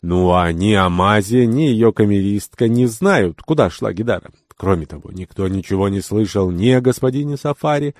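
A man reading an adventure novel aloud, narrating and voicing the dialogue himself, rising sharply in pitch and volume for angry lines. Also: animated, moderate pace, hardly any pauses, a little mellow, no room sound, studio quality. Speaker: audiobook reader. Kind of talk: scripted narration with character dialogue.

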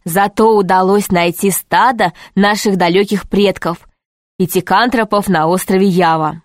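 A woman narrating a children's adventure story in an even, steady storytelling voice. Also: mid-range voice, unhurried, no echo, studio quality. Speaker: audiobook narrator. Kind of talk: scripted narration.

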